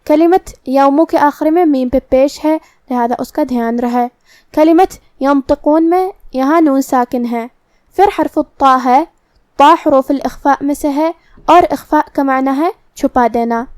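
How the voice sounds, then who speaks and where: A woman teaching Quran recitation rules, explaining pronunciation step by step and reciting verses slowly. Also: sits high, a little mellow, no echo. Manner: explains articulation points methodically, then recites verses very slowly. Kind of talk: tajweed lesson with slow recitation.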